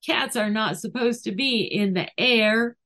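A man's voice: measured pace, bright, forceful tone, heavily acted. A woman voicing a playful dog who whines that the game is unfair. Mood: whiny. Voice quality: high whiny complaining voice.

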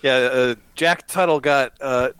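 A man's voice: mid-range voice, unhurried, clean tone, dry recording. A man co-hosting a sports podcast in casual chat, teasing and playful. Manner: teasing and playful, lively storytelling. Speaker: podcast co-host.

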